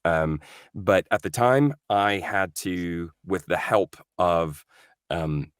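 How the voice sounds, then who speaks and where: Deep and smooth, this Norwegian man takes his time as a voice actor guest in a laid-back interview chat. His thoughtful answers are peppered with fillers and false starts, captured in a dry, studio-quality recording.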